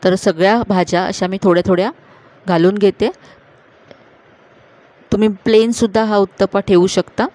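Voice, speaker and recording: A woman hosting a cooking channel, calmly narrating each step of a recipe to viewers in a voice-over. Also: medium pitch, moderate pace, pauses often. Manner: calm, instructive, addressing viewers directly.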